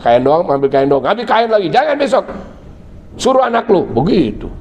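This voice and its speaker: A man's voice: sits high, normal speed. A middle-aged man with a Betawi Jakarta accent giving a religious lecture, mixing teaching with comic storytelling and acted-out family scenes. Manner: lively storyteller acting out family scenes with shifting voices. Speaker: Islamic preacher.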